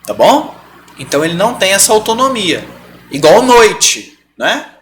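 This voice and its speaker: High, lively male Brazilian teacher. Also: a little hiss or hum. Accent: Brazilian Portuguese. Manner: explains step by step, keeps checking in with "tá bom?"; drawn-out example words. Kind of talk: live online grammar lesson.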